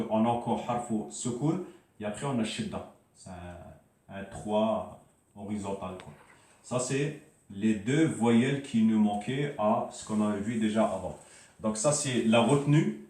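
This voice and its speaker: A man teaches Arabic writing in a loose, spoken way, often stumbling and repeating himself before spelling out each sound. His voice sits at an ordinary middle pitch and comes from some way off the mic. The room around him rings with echo. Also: a little mellow, distant mic. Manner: hesitant, repeats words, spells sounds out slowly. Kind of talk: informal spoken lesson at a board.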